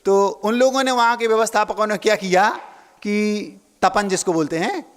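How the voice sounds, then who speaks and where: A man's voice: sits high, steady tone, moderate pace, smooth, long reverb tail. A man, a Jain monk, giving a sermon, playing with word meanings and asking his listeners questions. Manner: playful wordplay, asks the audience questions.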